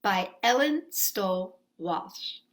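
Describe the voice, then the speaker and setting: Speaking very slowly in an expressive, medium-pitched voice, a woman hosts story time for little children. She reads stories, sings songs with them, and asks easy questions as she goes.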